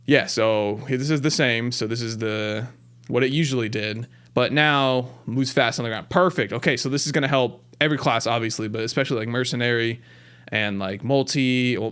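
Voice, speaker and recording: A man hosting a gaming video, casually reading patch notes aloud with excited, wry running commentary from a close desk mic. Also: mid-range voice, brisk.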